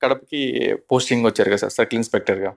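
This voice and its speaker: A man's voice: mid-range voice, very fast. A male interviewer asking long, respectful, probing questions.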